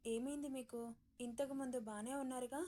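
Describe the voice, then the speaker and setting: A woman's voice: sits high, fairly even intonation, brisk. A woman voicing a timid, anxious young bride who speaks meekly and hesitantly. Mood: soft pleading. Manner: meek, hesitant, soft-spoken.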